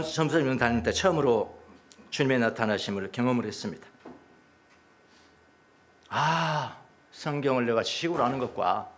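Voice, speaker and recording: A middle-aged male pastor preaching a sermon, emphatic and repetitive, dropping now and then to hushed asides. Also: mid-range voice.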